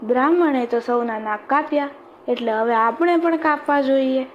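A woman's voice: high voice, normal speed, lo-fi sound, slight background noise, close to an everyday voice. A woman voicing a foolish, boastful village barber in a storybook tale, sounding smug and sure of himself.

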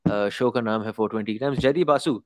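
A man's voice: mid-range voice, racing. A man with a North Indian accent hosting a casual talk show in a chatty, informal way, switching between English and Hindi. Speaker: host of a football discussion show.

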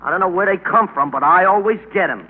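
A man's voice: high-pitched, animated, quick pace. A man playing a cocky, slangy street newsboy who jokes and boasts in a 1940s radio play. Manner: slangy, mispronouncing, laughing. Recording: tinny old radio broadcast with faint hiss.

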